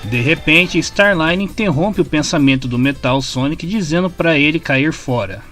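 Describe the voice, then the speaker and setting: With a Brazilian accent, a man narrates a scripted retelling of a comic story summary. His voice is a little high and a bit bright, his pace moderate, and music plays clearly behind him.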